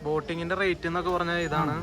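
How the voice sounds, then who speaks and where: A man's voice: a little high, little pitch movement, racing. A man with a Malayali accent giving casual travel vlog commentary, dropping English words into his Malayalam. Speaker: travel vlogger.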